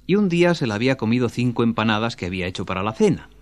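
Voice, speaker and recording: Lively storyteller man. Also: medium pitch, very fast, no room sound. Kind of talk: oral folktale telling.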